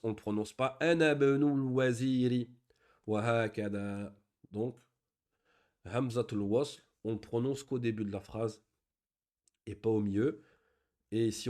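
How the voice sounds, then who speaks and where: A patient male teacher leads a beginners' class in Arabic reading. He sounds out example phrases slowly, then breaks each rule down calmly, step by step. His voice sits at an ordinary middle pitch. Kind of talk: online Arabic reading lesson.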